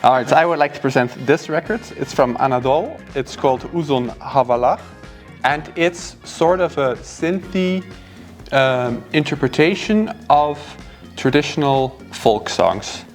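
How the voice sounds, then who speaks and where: A musician recommending albums in a record store, talking in an enthusiastic, easygoing way. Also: male voice, fairly high pitch, expressive, measured pace, faint music behind. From Belgium. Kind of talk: casual chat about favorite records.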